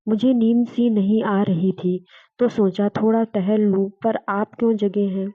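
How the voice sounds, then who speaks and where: A woman's voice: mid-range voice, steady tone, unhurried, no echo, narrow, tinny audio, natural voice. A woman voicing a caring young daughter-in-law who speaks hesitantly and with concern in a storybook reading.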